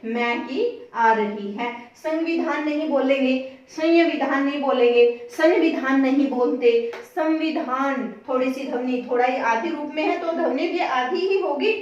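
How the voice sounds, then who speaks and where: A woman's voice: high-pitched, moderate pace, darkish tone, muffled recording. A woman teaching a grammar lesson, posing questions to her students and answering them herself, repeating the key words. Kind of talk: classroom-style lesson. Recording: very echoey room, voice from a distance.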